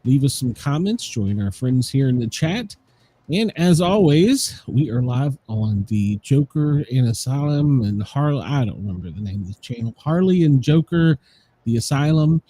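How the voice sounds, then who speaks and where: A man's voice: medium pitch, expressive, normal speed, mellow, husky. A man hosting a live show in a casual, rambling chat style.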